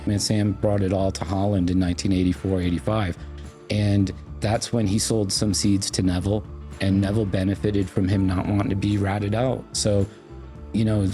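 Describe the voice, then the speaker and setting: A man's voice: lowish voice, moderate pace, faint music behind. A man casually telling an anecdote, acting out the quoted lines of others. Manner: animated storytelling, acts out quoted dialogue. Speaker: guest storyteller.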